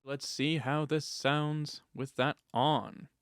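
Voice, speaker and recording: Man explaining voice effects, clear dry voice. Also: on the high side, fairly even intonation, slow pace, dry recording. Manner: explains settings plainly with frequent fillers and restarts. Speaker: voice effects tutorial maker. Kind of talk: casual step-by-step tutorial.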